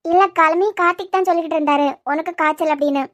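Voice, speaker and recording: A woman's voice: very high-pitched, fairly even intonation, very fast. A woman voicing Pavi, a weary, worried young working woman in a cartoon series, speaking in a troubled way with a Kanyakumari Tamil accent. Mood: plain. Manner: troubled, pleading. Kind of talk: cartoon web series voice acting.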